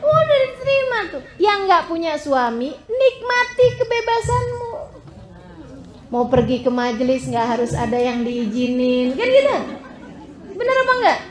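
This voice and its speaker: Animated high-voiced woman preacher, echoey. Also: measured pace, a faint crowd. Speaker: Islamic preacher. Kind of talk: sermon to a women's audience.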